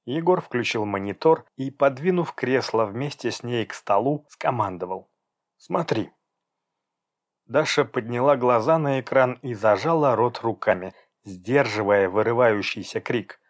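Audiobook narrator: a man, steady and measured, mid-pitched.

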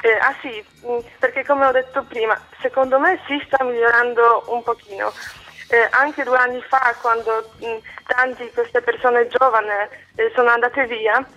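A young Polish woman, a student, speaking Italian with a Polish accent in a phone interview, pausing to search for words. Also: a little high, fairly even intonation, bright, forceful tone, soft background music. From Poland. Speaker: guest. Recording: muffled phone line.

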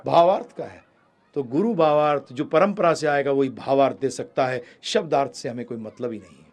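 A man giving a Gita discourse, rising to loud emphatic peaks and dropping to low, quick asides, asking the audience questions and answering them himself. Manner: addresses listeners as prabhu ji. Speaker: preacher.

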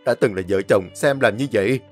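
A man's voice: fairly low pitch, fast talker, soft background music, close to an everyday voice. A man voicing a drunk, insistent ex-husband. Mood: pushy. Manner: insistent, pleading.

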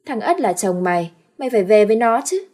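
A woman's voice: mid-range voice, very animated, fast talker, darkish tone. A woman voicing a cold, scheming young woman of a wealthy house who speaks curtly with false kindness. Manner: curt, falsely kind.

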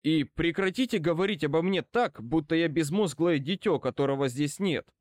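Guy reading doing a young wizard yelling, high and hoarse, mad. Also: moderate pace, no room sound, studio quality, natural voice. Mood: angry. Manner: raised, hoarse, angry shouting. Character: young male wizard, hot-tempered, shouting. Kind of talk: audiobook reading.

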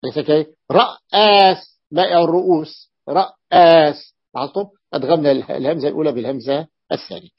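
A man leads a grammar lesson, pausing to repeat his points and quiz the class. His voice is husky and sits a little high. The recording is dull and dry. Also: no room sound. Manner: explains slowly, repeats words, asks the class questions. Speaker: teacher of Arabic morphology.

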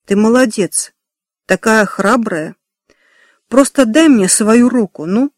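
Man voicing an old fisherman, kind, coaxing, reassuring, sharp clear voice, dry sound. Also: sits high, animated, takes it slowly, no echo.

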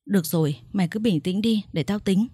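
A woman's voice: medium pitch, brisk, breathy edge, dry recording, clean studio sound, natural voice. Woman voicing a level-headed, loyal female friend. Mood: calming. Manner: reasoning, calming.

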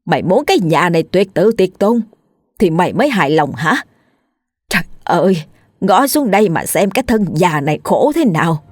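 A woman's voice: lowish voice, lively intonation, moderate pace, darkish tone, no room sound, clean studio sound. A woman voicing a stubborn, scolding old village mother in a spoken ghost story. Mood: wailing. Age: older. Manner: nagging, scolding.

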